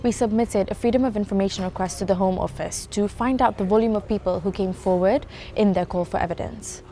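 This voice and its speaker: A woman's voice: medium pitch, steady tone, fairly quick, dark tone, soft background music. A woman delivering scripted news narration as a reporter.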